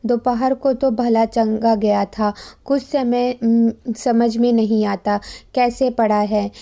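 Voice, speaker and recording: Anxious fussing mother, read out by a woman teacher, slow, mellow, higher voice. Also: fairly even intonation, vocal fry. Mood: worried. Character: worried mother of a sick boy.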